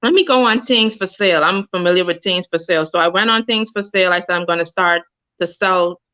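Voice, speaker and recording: A woman's voice: on the low side, fairly quick, bright, forceful tone, lo-fi sound. A woman telling her story as an interview guest, chatty with many ums and likes. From Bahamas. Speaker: guest entrepreneur. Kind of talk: casual interview talk.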